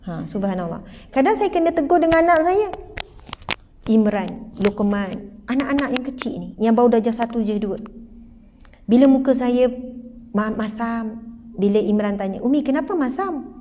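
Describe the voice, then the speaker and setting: A middle-aged woman with a Malaysian Malay accent giving an animated religious talk, acting out scenes from family life. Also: a little high, normal speed, long pauses. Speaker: religious teacher. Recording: dull hall recording, faint noise.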